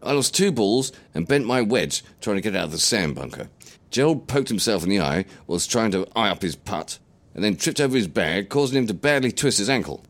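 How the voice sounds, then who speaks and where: A man's voice: on the low side, sing-song, a little fast, voice pushed up. A man voicing an elderly grandfather who tells a rambling, earnest tale. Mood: rueful. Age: older. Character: chatty elderly grandfather, injured golfer.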